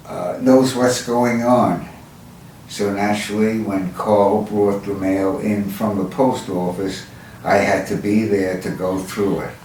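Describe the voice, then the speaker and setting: An older man from New York telling family stories in a slow, halting way, chuckling now and then. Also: fairly low pitch, darkish tone, slight background noise. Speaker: interviewee. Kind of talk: reminiscing storytelling. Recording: echoey room, far from mic.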